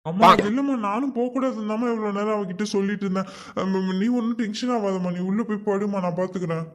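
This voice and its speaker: A man's voice: sits high, quick pace, natural voice. A man voicing a henpecked young husband in a comedy cartoon, coaxing his wife and soothing his mother. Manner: mild, coaxing, exasperated.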